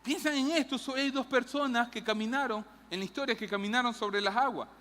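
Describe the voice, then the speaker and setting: A woman preaching a lively sermon in a church, acting out Bible characters. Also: a little high, brisk, long reverb tail. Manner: animated, acts out Bible characters' lines, jokes with the audience. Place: church hall.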